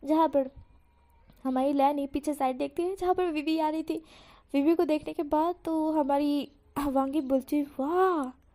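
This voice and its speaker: Lively high-voiced young woman storyteller. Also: moderate pace. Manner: lively, switches into loud scolding character voices. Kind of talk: fan fiction story narration with voiced dialogue.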